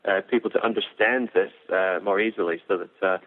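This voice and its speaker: A man's voice: sits low, steady tone, brisk. A man, a golf equipment engineer, explaining driver technology in detail with frequent fillers. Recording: tinny phone-like audio.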